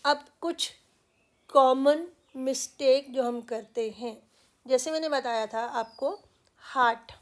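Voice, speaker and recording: Woman, Indian English accent, high voice, patient pronunciation teacher, unhurried. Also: a little mellow. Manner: slow, patient, repeats example words carefully. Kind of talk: pronunciation lesson in Hindi with English words.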